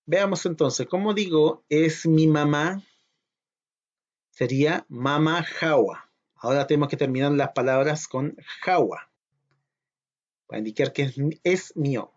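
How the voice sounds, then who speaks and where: A man teaching an online language lesson for children, speaking slowly and patiently and repeating each new word twice. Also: a little high. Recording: dull lo-fi audio.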